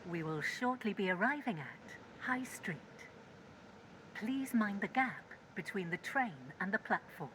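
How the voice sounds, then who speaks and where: A woman's voice gives an onboard train announcement, slow and polite, with a lively rise and fall on each stop. Clear background noise sits under her. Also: medium pitch. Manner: polite, lilting announcement delivery. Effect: onboard train announcement over the speakers. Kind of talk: recorded public announcement.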